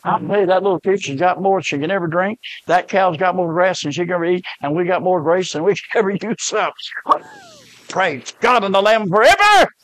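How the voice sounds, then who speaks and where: A man preaching a sermon, swinging from shouted exclamations to hushed storytelling. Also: high voice, steady tone, fast, hardly any pauses, rough recording.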